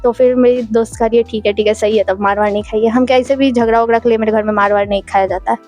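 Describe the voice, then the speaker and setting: A young woman telling a story in a chatty, animated vlog style. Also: on the high side, very fast, soft background music. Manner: animated, chatty, acts out quoted lines. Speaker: vlogger.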